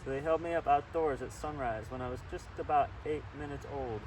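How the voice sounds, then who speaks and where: Reading a story aloud beside a river, a man with a somewhat high voice talks fairly quickly and informally, easily sidetracked into asides. A distant microphone captures constant outdoor noise.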